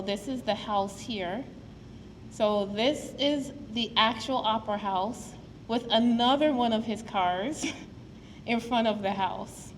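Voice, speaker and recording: A woman from Guyana gives an earnest, storytelling public talk to an audience as a preservation advocate at a museum. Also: on the high side. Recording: long hall reverb, faint noise.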